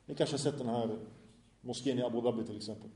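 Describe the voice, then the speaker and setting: A man's voice: medium pitch, steady tone, warm tone. Man teaching a religious class, echoey room. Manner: asks the class questions and answers them himself. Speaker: Islamic teacher. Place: small lecture room. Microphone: microphone in a small room.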